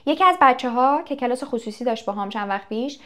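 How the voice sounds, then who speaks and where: A young woman teaching English in a casual video lesson. She talks straight to the viewers, asks them questions and acts out little anecdotes. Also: a little high.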